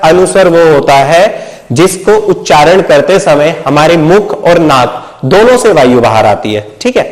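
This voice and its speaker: A man from Uttar Pradesh teaching a Hindi lesson, his voice sitting fairly high. He mixes English words into his Hindi, asks questions and answers them himself, and keeps checking that his students follow. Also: rough recording. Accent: Hindi mixed with English words. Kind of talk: explanatory video lesson.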